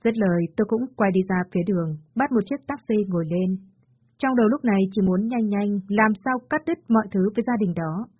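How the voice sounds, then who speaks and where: A woman narrating a dramatic first-person story in a steady storytelling voice, on a dull, dry recording. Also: mid-range voice, a little fast, slightly rough, no echo.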